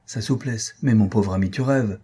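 A man reading an audiobook, voicing a stern, sharp-tongued old dowager countess in a tart, dismissive manner. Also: lowish voice, moderate pace, slightly rough.

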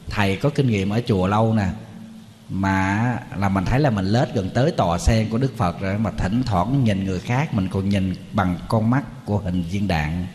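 A man's voice: lowish voice, a little mellow, in a large hall, slight background noise. A man, a Buddhist monk giving a humorous, storytelling sermon.

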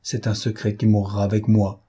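A male audiobook reader voicing a grave, secretive noblewoman who speaks firmly and quietly. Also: on the low side, completely flat delivery, moderate pace, slightly rough. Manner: firm and hushed. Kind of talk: audiobook character voice.

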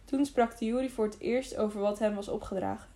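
A woman narrating an audiobook in a steady reading voice, sometimes restarting a word. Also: on the high side, fairly quick.

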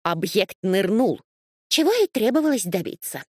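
A woman voicing an odd, know-it-all female sheep in a storybook reading, with slow, rambling pronouncements. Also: medium pitch, sing-song, darkish tone, breathy edge, dry recording, clean studio sound. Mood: dreamy.

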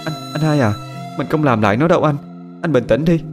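A man's voice: medium pitch, steady tone, very fast, mellow, soft background music, voice pushed up, lightly acted. Man putting on a tearful young village woman. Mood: pleading. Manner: tearful, pleading, stammering.

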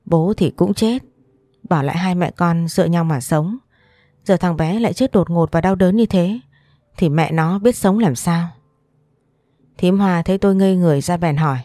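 A woman narrating a first-person story in a sorrowful, measured reading. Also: lowish voice, mellow, no room sound, studio quality.

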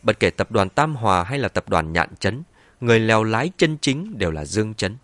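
Man, audiobook narration, dramatic, lively pitch, dry close recording. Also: brisk, dry recording. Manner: expressive, dramatic reading. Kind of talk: audiobook narration of a web novel.

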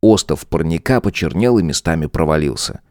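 A male audiobook narrator with a very low voice that rises and falls widely. He reads in a dramatic, expressive way. The recording is dry and close. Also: a little fast, dry recording. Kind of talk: scripted narration.

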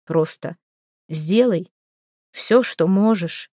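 A woman voicing a gruff, grieving male village head who talks in a low, slow, heavy rumble. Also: steady tone, warm tone, no echo, clean studio sound, close to an everyday voice. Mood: desperate.

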